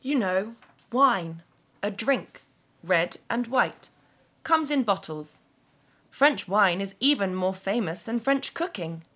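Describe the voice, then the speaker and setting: A man's voice: sits high, animated, slow, pushed and bright, pitched above the performer's own voice, heavily acted. A man putting on an eager girl who explains things. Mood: explaining.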